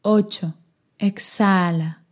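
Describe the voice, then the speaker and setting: A woman guides a meditation in an unhurried, soft-spoken voice, leaving long pauses between each cue. Her tone is mellow and relaxed, never bright. She speaks at a very slow pace. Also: medium pitch.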